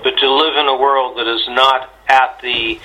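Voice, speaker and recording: Guy answering interview questions, lots of ums and restarts, really bright sharp voice. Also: medium pitch, level tone, low-quality recording. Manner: halting, many fillers and restarts, clears throat. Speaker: interviewee, shamanic astrology teacher.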